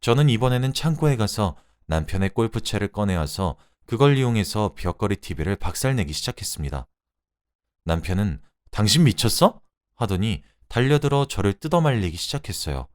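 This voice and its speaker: Expressive man narrating a story. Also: lowish voice, a little fast. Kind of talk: scripted first-person story narration.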